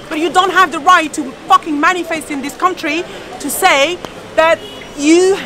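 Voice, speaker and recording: An indignant woman speaks English into a reporter's mic on a city street during a protest. Her voice sits very high, and she swears often as she presses her point. A protest crowd is clearly heard all around her. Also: noisy background. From Paris, France. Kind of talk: street interview.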